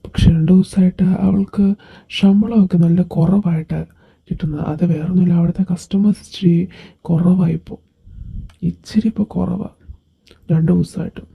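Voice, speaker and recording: A woman's voice: on the low side, steady tone, normal speed, gravelly, breathy edge, full character voice. A woman voicing a dutiful male henchman reporting to his boss in an amateur audio drama, rambling and deferential. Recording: dull lo-fi recording.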